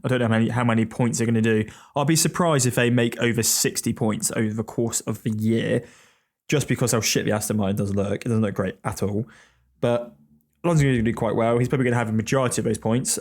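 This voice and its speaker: A man's voice: medium pitch, darkish tone. A tired man hosting a casual solo podcast, rambling and swearing as he jokes along. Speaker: podcast host.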